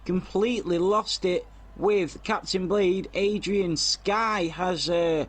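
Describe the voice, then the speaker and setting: A man's voice: high-pitched, slow pace. Man calling a sim race. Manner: casual, chatty, reads out lap times and viewer comments. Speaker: race commentator. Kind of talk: live sim racing commentary.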